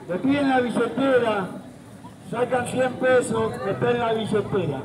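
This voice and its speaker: A man with an Argentine accent working a street crowd as a playful kids' party entertainer, coaxing, joking and projecting his patter. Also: extremely high pitch. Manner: projecting to a crowd, countdown calls. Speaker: street circus performer. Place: large outdoor city plaza at night. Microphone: distant audience phone camera. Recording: distant phone recording, noisy city square, crowd. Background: crowd and street traffic noise.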